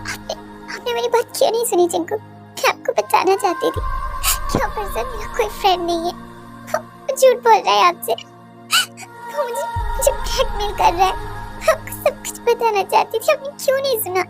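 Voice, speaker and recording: A woman's voice: very high-pitched, quick pace, over music. A woman voicing a tearful pleading young heroine. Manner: pleading, breathless, stammering. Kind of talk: fan audio drama role-play.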